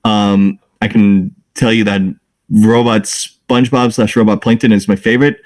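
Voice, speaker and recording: A man with a low voice co-hosts a relaxed gaming podcast. He teases the others and keeps the talk playful, bantering with an easy sarcasm. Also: normal speed. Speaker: podcast co-host. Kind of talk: casual gaming podcast chat.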